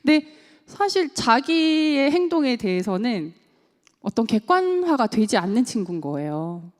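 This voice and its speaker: A woman's voice: a little high, a little slow. A woman, a parenting coach and teacher, giving a seminar talk to parents, asking the audience questions and acting out quotes. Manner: animated, asks the audience questions and acts out quotes. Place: church hall. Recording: echoey church hall.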